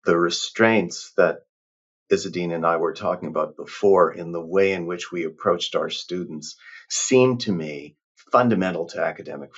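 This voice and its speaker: A professor appears as an interview guest, answering in a reflective, emphatic way and often restarting his sentences. His low voice is husky, and the recording has a dull, lo-fi sound.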